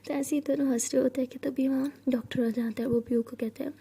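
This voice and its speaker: A woman narrating a romance in an intimate, breathy whispered storytelling style. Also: high-pitched, fairly even intonation, fast, mellow.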